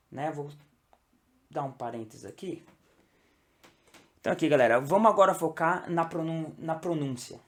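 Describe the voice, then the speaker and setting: Man giving a chatty language lesson. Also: a little high. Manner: keeps checking in with "tá?" and "entendeu?"; slows down to model English sounds. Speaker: English teacher. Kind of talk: casual online language lesson.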